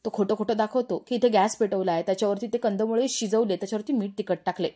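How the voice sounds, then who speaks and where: A woman narrating a television serial recap in a plain, steady storytelling way. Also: medium pitch, fast talker. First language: Marathi.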